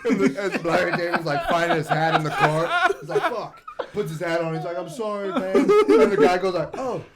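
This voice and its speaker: A man's voice: a little high, expressive, fairly quick, over a noisy crowd. A young man co-hosting a podcast in casual chat, telling stories with a laugh and acting out the people in them. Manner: laughing storyteller, acts out quotes. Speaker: podcast co-host.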